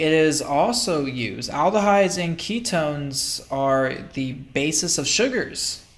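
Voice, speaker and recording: A man giving a casual recorded chemistry lecture over slides, relaxed and thinking aloud with fillers and small self-corrections. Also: a little high. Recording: roomy echo.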